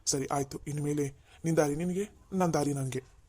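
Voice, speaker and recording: A man's voice: fairly high pitch, steady tone, moderate pace, warm tone, close to an everyday voice. A man voicing a wealthy, proud and stubborn middle-aged father in a cartoon, switching between indignant and pleading. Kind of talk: Kannada cartoon voice acting.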